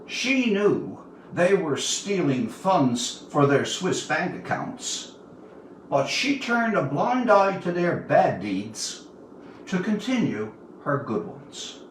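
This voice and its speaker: A Newfoundland, Canada, writer of around seventy entertains livestream viewers informally, reading his work and telling stories in a very animated, slow manner. His voice is on the high side, captured from a distance with roomy echo and audible noise.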